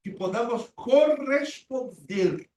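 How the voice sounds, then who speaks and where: A very high-pitched, darkish voice belongs to a man in his sixties teaching Bible class in a church classroom, slow and animated. He preaches emphatically, repeats himself, and acts out the prayers he quotes, captured distantly in an echoey room with faint hiss.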